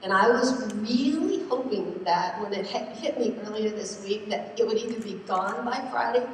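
Woman, stuffy and squeaky from a cold, upbeat conference host; distant mic, long hall reverb. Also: normal speed, a little hiss or hum. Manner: chatty, self-deprecating, upbeat. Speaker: conference host, foundation executive director. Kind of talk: conference welcome speech. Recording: echoey hall from far off.

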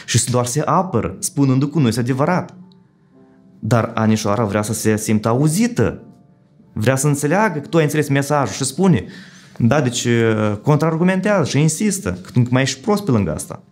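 A man speaking as a psychologist guest in an interview, explaining with worked examples and often checking in with a quick "right?". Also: mid-range voice, expressive, darkish tone, soft background music.

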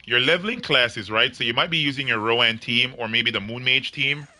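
A man's voice: mid-range voice, brisk, sharp tone. A young man chatting casually with viewers on his game livestream, joking and laughing often in slangy talk.

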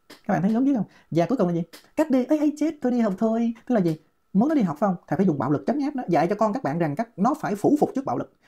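A woman's voice: medium pitch, warm tone, husky. A woman with a Southern Vietnamese accent, giving a mocking, scolding commentary rant. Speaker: online commentator. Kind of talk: ranting commentary.

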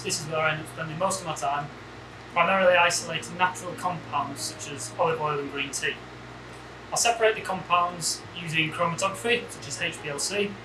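A man from Lancaster in England, a postdoctoral researcher, giving a brisk, clear explanation to camera. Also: a little high, noisy background. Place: university lab, indoors. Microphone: camera at a distance. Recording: echoey lab with distant mic, guitar music behind.

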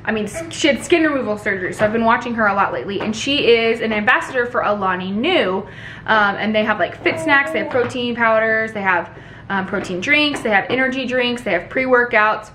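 A woman's voice: a little high, a little fast, bright, forceful tone, slight background noise. A woman in her twenties chatting casually to camera in her home kitchen, upbeat and talking with her hands. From Texas. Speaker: lifestyle vlogger. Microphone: camera on a tripod across the kitchen.

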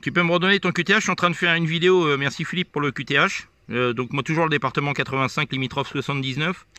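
This man's voice is fairly high and sharp, with fairly even intonation, and he talks very fast over a little hiss or hum. Outdoors on a hilltop field, he films a video of casual amateur radio chat and hesitantly demonstrates his gear step by step.

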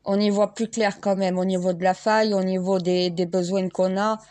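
A woman's voice: medium pitch, flat delivery, normal speed, mellow. A French woman talking casually to viewers in a rambling way, with frequent laughs and restarts. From France. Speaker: self-styled spiritual vlogger.

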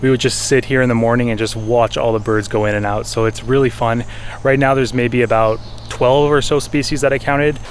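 A man's voice: medium pitch, fairly even intonation, a little fast. A man in his thirties giving an informal, enthusiastic explanatory nature vlog to a camera held at arm's length out in the jungle. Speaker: wildlife photographer and vlogger. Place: outdoors in jungle, orchard and by a river. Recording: faint outdoor ambient noise.

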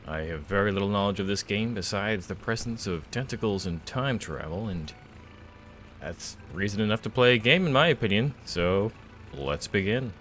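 A man's voice: on the low side, lively intonation, normal speed, a bit bright, slight background noise. A young man hosting a gaming video, making playful, wry asides as he plays. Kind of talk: casual let's-play commentary.

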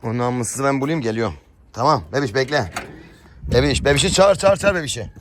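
A man, filming a casual vlog outdoors, calling and scolding animals in a high sing-song voice. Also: quick pace, a little hiss or hum. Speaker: vlogger with dogs.

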